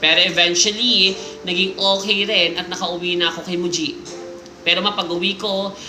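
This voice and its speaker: Woman host on a live stream reading a story out, chatty and animated, roomy sound with music going behind her. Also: fairly low pitch, moderate pace. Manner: animated storytelling, Taglish, jokes and asides. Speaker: livestream host. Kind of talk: reading listener stories aloud on a live stream.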